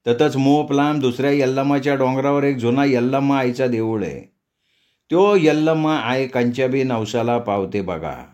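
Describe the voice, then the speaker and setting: A man voicing a rustic village woman in a storybook reading, speaking slowly in country dialect. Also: mid-range voice, darkish tone, close to an everyday voice. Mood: earnest. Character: village woman grinding grain, folksy.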